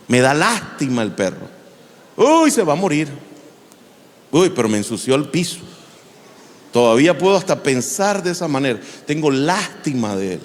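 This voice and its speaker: A male pastor preaching a sermon in an animated way, often asking the congregation questions. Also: a little high. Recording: long hall reverb.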